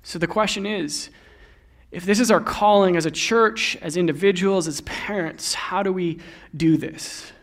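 High-voiced young man preaching conversationally. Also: measured pace. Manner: conversational, storytelling with laughs. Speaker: pastor. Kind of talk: sermon.

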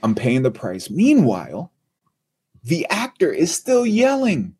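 Husky-voiced male guest, animated raconteur acting out quotes. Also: fairly high pitch, takes it slowly. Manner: animated storyteller who acts out quotes. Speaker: guest, TV and radio personality. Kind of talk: storytelling in a podcast interview.

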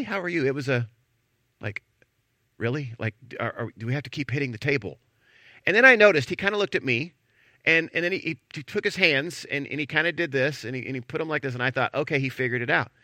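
Pastor guy, middle-aged, chatty storytelling sermon, bright ringing voice. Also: medium pitch, no room sound, studio quality. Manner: conversational storytelling with animated emphasis.

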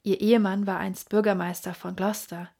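A woman reading an audiobook, voicing a polite, obliging male hotel desk clerk with a husky voice. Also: mid-range voice, flat delivery, brisk, mellow.

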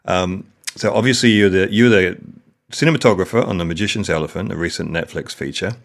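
A man hosting a podcast, introducing his guest and asking friendly, halting questions. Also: low voice. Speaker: podcast host. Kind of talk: podcast interview.

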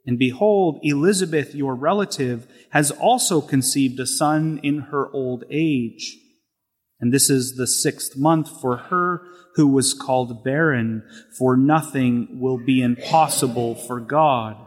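A man serving as deacon, reading the gospel and preaching in a slow, measured way, with his voice echoing through a church. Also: medium pitch. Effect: cathedral-like church echo. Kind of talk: liturgical gospel reading and homily. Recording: long reverb in a church.

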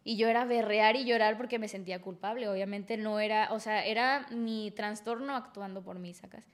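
A woman's voice: medium pitch, moderate pace. A woman with a Mexican accent, a podcast guest telling a personal story frankly and emotionally, full of fillers.

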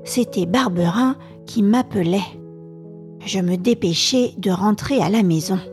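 Woman storyteller, slow deliberate narration, breathy voice, soft music underneath. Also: medium pitch. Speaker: podcast storyteller. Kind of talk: scripted narration of a novel.

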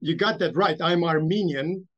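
A man in his fifties from Romania, a bank executive being interviewed, who tells his life story in a measured, anecdotal way with some self-deprecating humor. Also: fairly high pitch, fairly bright tone, lo-fi sound. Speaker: guest, investment bank CEO.

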